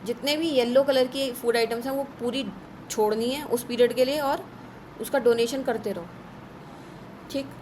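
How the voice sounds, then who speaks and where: Brisk high-voiced woman teaching. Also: steady tone, darkish tone, slight background noise, low-quality recording. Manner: brisk, scolding, lists items. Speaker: astrology teacher. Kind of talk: live online class.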